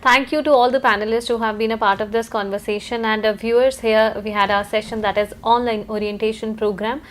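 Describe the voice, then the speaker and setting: A woman's voice: on the high side, fairly even intonation, fairly quick, a little hiss or hum. A woman with an Indian accent hosting a live educational programme in a formal, courteous manner. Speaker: host of live educational broadcast.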